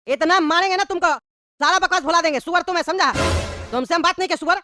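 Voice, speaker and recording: A woman voicing a quarrelsome grown man, a short-tempered husband and father, bickering fast and angrily. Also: very high voice, pushed and bright, soft background music. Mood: angry. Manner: rapid angry bickering. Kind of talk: cartoon voice acting.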